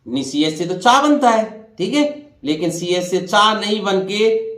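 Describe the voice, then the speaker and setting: A man in his fifties teaching English pronunciation, speaking deliberately, repeating each word and spelling out letters while addressing listeners directly. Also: sits high, expressive, a bit bright, reverberant. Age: 50s. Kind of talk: classroom-style spoken lesson.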